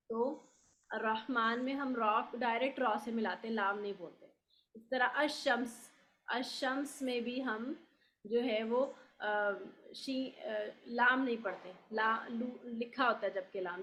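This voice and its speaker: Bright-voiced woman teaching recitation. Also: fairly high pitch, muffled recording. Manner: patient, explanatory, repeats and spells out terms. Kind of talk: classroom lesson.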